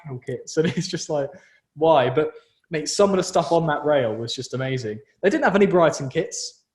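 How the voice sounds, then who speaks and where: A young British man with a southern English accent and a fairly high voice. He chats informally and slangily, like a co-host on a casual football podcast. The sound is roomy and echoey. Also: animated, a little fast, a little mellow. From southern England. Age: young adult.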